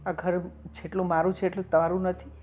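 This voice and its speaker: A man's voice: sits high, flat delivery, brisk, lightly acted. A young man acting as a husband who defends his marriage to an older woman, talking earnestly. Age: young adult. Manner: earnest, pleading, rising to defiant outbursts. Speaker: young husband in a family drama. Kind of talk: Gujarati short-film acting. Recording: dull lo-fi sound with faint noise.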